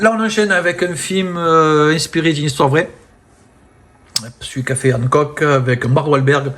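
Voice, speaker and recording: A man chatting casually about films from his collection, full of fillers, often trailing off softly at the ends of phrases. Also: medium pitch, slightly rough. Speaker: film collector presenting his steelbooks. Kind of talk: casual unboxing-style chat.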